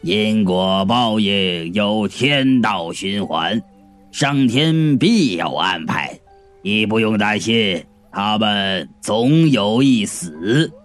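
Man voicing a deep old priest, solemn, slow, music faint behind. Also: expressive. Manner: slow, grave, preaching.

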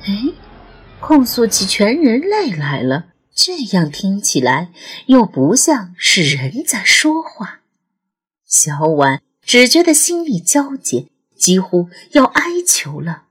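A woman reads a suspense audiobook in a very breathy, husky voice. Her pitch rises and falls in a lively way as she tells the story. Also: slow. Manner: expressive storytelling. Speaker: narrator. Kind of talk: audiobook narration.

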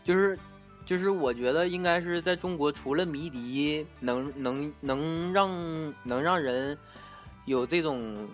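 Chatty Northeastern man, slightly high. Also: faint music behind. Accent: Northeastern Mandarin. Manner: chatty storyteller, halting restarts. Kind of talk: casual chat.

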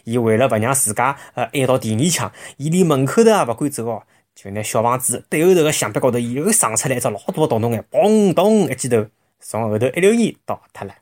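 Children's storyteller: Shanghainese accent, mid-pitched, highly animated, expressive delivery. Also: fast. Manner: expressive, with vivid sound words.

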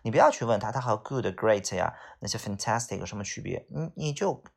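A man teaching an English vocabulary lesson, repeating each word and filling pauses. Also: on the low side, expressive, vocal fry, breathy edge.

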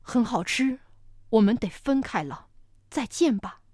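T-rex voiced by a woman: gruff, loud, big-hearted dino, slow and dramatic, dry close sound. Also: a little high, expressive, no echo. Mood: gentle. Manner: loud gruff growling delivery. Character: big hungry male tyrannosaurus, gruff yet soft-hearted. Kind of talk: storytelling performance.

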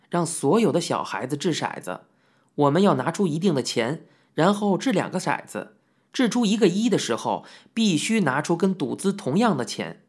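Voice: mid-range voice, a little mellow, breathy edge. An audiobook narrator telling a first-person memoir in a reminiscing storytelling manner, with occasional asides to the listener.

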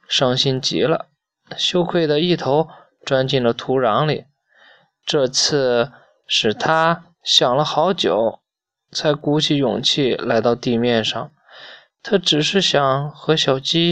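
A man reads a children's bedtime story aloud, slowly and gently. His voice sits a little high, and the sound is dry and close with no room echo.

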